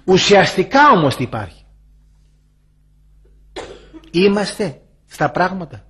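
Husky older man preaching. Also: sits high, sing-song, bright, forceful tone. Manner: preaching with rhetorical questions and emphatic repetition. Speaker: monastic elder. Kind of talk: sermon.

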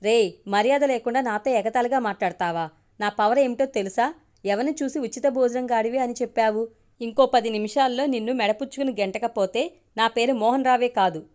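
A lazy, blustering middle-aged man who threatens and shouts down others, played by a woman reading. The voice sits a little high. It is a spoken storybook. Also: a little fast, close to an everyday voice. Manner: angry, threatening.

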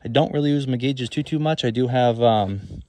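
A man's voice: medium pitch, normal speed, dark tone. A self-employed HVAC technician giving a casual, rambling tour of the gear in his work van, listing items with many fillers.

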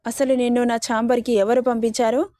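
Woman narrator doing an irritable young boss, curt orders, fairly high voice, dry close sound. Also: level tone, fairly quick, warm tone, no room sound, close to an everyday voice. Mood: irritated. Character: short-tempered young male company boss.

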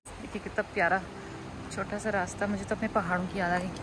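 A woman's voice: medium pitch, level tone, fast talker, over music, poor audio. A woman in her thirties from India, chatting to viewers by a forest river while filming on a phone held at arm's length. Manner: chatty, addresses viewers directly. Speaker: family vlogger. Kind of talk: casual travel vlog narration.

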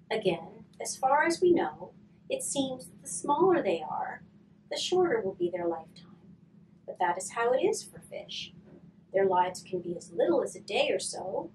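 In a curtained room indoors, a woman in her thirties who volunteers at a hospice reads stories to children and demonstrates an activity. Her slightly high voice is soft, slow and gentle, often sinking to a whisper, and sounds a little off-mic. Faint room noise comes through the far camera microphone.

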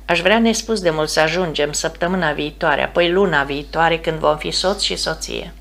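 A woman voices an anxious young fiancé in an audiobook, gentle and unsure of himself. The voice is low and gravelly, quiet and hesitant. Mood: uneasy.

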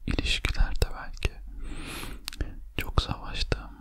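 A man in his thirties whispers quietly, as if at night before sleep, in a slow, soothing ASMR motivational talk spoken straight to the listener at close range. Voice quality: unvoiced breathy whisper. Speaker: ASMR host. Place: small lamp-lit room at home.

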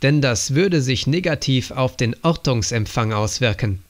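A man's voice: medium pitch, lively intonation, a little slow, lightly acted. A man voicing a deferential young male electronics specialist who answers hesitantly in an audiobook.

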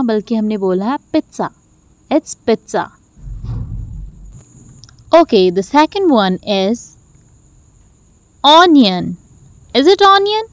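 A woman teaching a pronunciation lesson, saying each word slowly and repeating it with care. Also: mid-range voice, dry recording. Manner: slow, careful repetition of words. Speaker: English teacher.

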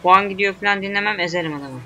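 Bright-voiced young man grumbling over gameplay. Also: high-pitched, very fast, a little hiss or hum. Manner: grumbling, swearing, talking back at the game. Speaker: gamer. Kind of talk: let's play commentary.

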